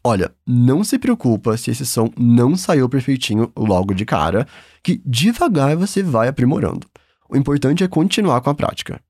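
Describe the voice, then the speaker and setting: A man's voice: mid-range voice, sing-song, moderate pace, a little mellow, dry recording, studio quality. A man with a Brazilian accent teaching a German lesson in a patient, encouraging, upbeat way. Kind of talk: language lesson.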